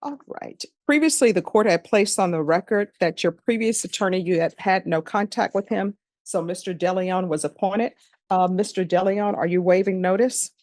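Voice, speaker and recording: A woman judge in a courtroom recording, formally reading case numbers and charges in a measured, procedural way. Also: medium pitch, darkish tone, dry recording, studio quality. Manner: measured, procedural, repeats formulaic questions.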